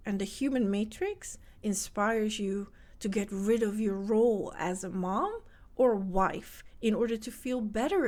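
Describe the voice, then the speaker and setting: A Dutch woman, whose first language is Dutch, speaks English with a Dutch accent in a medium-pitched, darkish voice. She's a self-help coach for mothers, delivering an earnest motivational podcast monologue straight to the listener.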